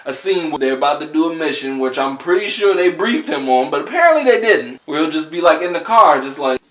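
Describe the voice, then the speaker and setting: A man's voice: a little high, big pitch swings, a little fast, a bit bright, echoey room. A man giving a casual, joking movie review in a laid-back, rambling way.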